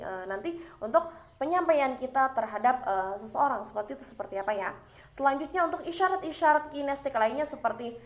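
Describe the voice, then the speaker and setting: High-voiced young woman explaining a lesson. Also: fairly bright tone. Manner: explanatory, frequent rhetorical questions and "nah" fillers. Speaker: university student presenting. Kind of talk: explaining course material.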